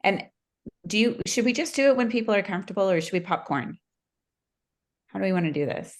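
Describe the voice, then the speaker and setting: A woman facilitating a group informally, thinking aloud in a halting way as she explains. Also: medium pitch, animated. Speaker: workshop facilitator.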